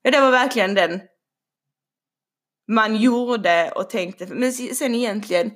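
A young woman telling a story casually, animated and swearing now and then. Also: a little high. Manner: animated, swearing, acts out quotes.

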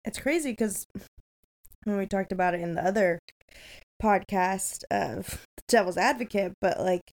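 A woman co-hosting a podcast who retells film scenes in a lively, chatty way, with lots of "like" and quick "yeah"s. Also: mid-range voice, vocal fry. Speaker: podcast co-host. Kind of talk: casual film discussion.

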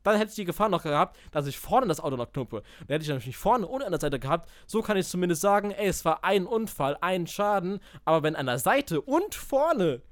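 A man telling a story in casual chat, animated, acting out quotes, swearing and laughing. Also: a little high, quick pace, few pauses. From village.

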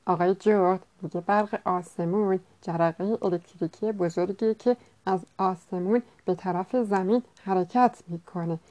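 A woman voicing a calm, know-it-all beaver who explains in a low, quiet way. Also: hardly any pauses, natural voice. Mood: explaining.

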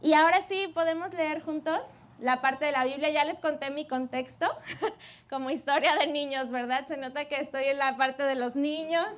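A woman preacher retelling a Bible story in a lively, animated way, laughing often as she talks to her church. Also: sits high, normal speed. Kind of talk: sermon storytelling.

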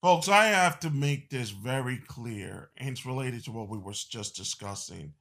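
A man's voice: medium pitch, animated, normal speed, a bit bright. A man delivering a political opinion monologue, emphatic, repeating phrases and restarting sentences. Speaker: political commentator.

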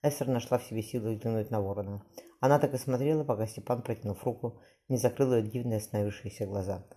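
A man narrating an audiobook quickly, with occasional restarts. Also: lowish voice, dark tone, breathy edge. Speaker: audiobook reader.

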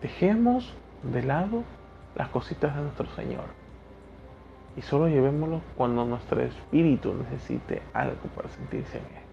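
A man's voice: mid-range voice, lively intonation, moderate pace, vocal fry, warm tone, slight background noise. A man in his thirties from Ecuador with an Ecuadorian Spanish accent, hosting a motivational solo podcast and speaking bluntly and preachily straight to the listener. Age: 30s. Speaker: podcast host. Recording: dull lo-fi sound with faint music.

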